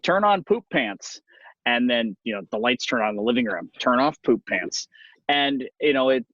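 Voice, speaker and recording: A man's voice: mid-range voice, dry recording. Californian man chatting casually, dull lo-fi audio. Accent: Californian American. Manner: rambling, anecdotal, wry. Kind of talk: casual conversational talk.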